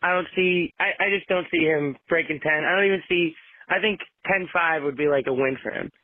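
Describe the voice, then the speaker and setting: A man's voice: a little high, fairly quick. A man leaving a casual voicemail for the hosts, rambling and hedging before a boastful sign-off. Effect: voicemail played over a phone line. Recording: dry, tinny phone-line voicemail.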